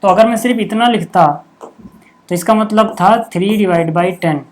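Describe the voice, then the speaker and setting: A man with a high-sitting voice teaches a maths lesson at normal speed, explaining things on a board in a casual classroom style. He keeps checking that his students are following with short asides.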